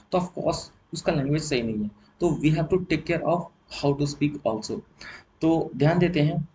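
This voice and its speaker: A man's voice: medium pitch, darkish tone, slight background noise, low-quality recording. A man with an Indian accent teaching a spoken English course in a lesson, explaining step by step, switching between Hindi and English and repeating key points.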